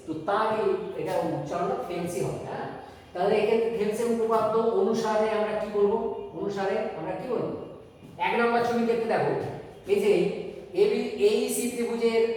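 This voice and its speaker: A woman's voice: mid-range voice, a little mellow. Teacher woman in an echoey room. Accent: Bengali. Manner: explains step by step, checks in with "ঠিক আছে?". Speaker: math teacher. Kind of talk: classroom math lesson. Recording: echoey room from far off, faint noise.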